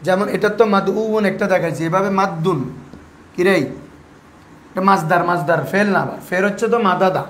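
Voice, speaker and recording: A man who teaches Arabic grammar and Quran recitation rules quizzes a class of pupils, asking questions over and over and having them answer back. His voice is high and fairly bright, a little fast, with slight background noise.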